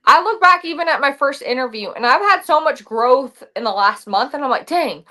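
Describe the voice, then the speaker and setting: Young woman guest, high voice, animated, filler-heavy casual storytelling. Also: fairly quick. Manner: animated, says "like" often, acts out quotes.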